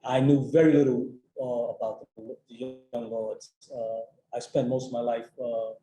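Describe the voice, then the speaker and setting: A man's voice: mid-range voice, little pitch movement, moderate pace, dark tone. A man from Puerto Rico speaking on a panel, earnest and openly emotional as he gives thanks. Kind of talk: panel discussion. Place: event venue. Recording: roomy with faint noise.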